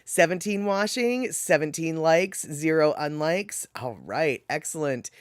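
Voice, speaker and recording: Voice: medium pitch, a little slow, clear, resonant tone, no room sound. Rambling live-stream host, dry close sound. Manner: rambling and self-correcting, laughs at own remarks. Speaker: livestream host reading viewer chat. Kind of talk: casual live-stream chat.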